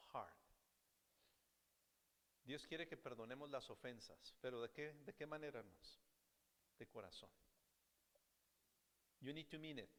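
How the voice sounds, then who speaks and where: A man's voice: fairly high pitch, long reverb tail. A man preaching a sermon as pastor, switching between Spanish and English and repeating each point, often asking the congregation questions. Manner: animated, asks the congregation questions. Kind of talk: bilingual sermon, preaching and self-translating. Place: church sanctuary.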